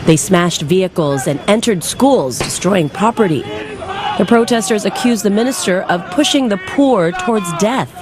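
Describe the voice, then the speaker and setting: A young adult woman anchoring a morning news show, chatty in banter and crisp when reading stories. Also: medium pitch, lively intonation, normal speed, background noise. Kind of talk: morning news chat and newsreading.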